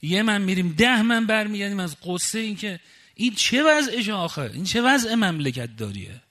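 A man's voice: high-pitched, big pitch swings, bright, forceful tone. A man from Khuzestan in Iran preaching a fiery, indignant sermon full of rhetorical questions. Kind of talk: impassioned sermon.

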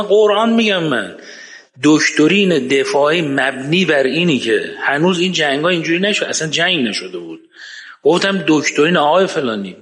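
A man's voice: on the high side, a bit bright. A man giving an emphatic, argumentative lecture and reciting verses from the Quran. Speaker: speaker giving a religious-political talk. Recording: long hall reverb.

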